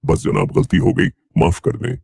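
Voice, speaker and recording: A man's voice: medium pitch, animated, moderate pace, creaky, warm tone, breathy edge, no echo, clean studio sound. A man narrating and playing the lead in a dramatized story, worried and pleading.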